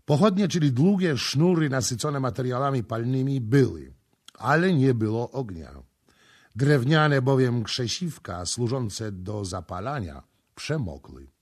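Husky male audiobook narrator. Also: mid-range voice, unhurried. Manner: dramatic, expressive reading.

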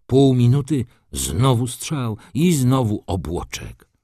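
A man reading a story aloud in the first person, with expressive scripted narration. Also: mid-range voice, slow pace, husky, no echo, studio quality. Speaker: audiobook narrator.

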